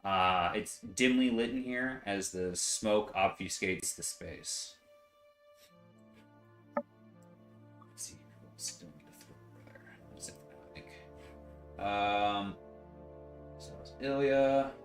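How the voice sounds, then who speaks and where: Low-voiced man running a tabletop game. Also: takes it slowly, pauses often. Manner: relaxed, filler-heavy narration. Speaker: game master. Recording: roomy echo, faint music.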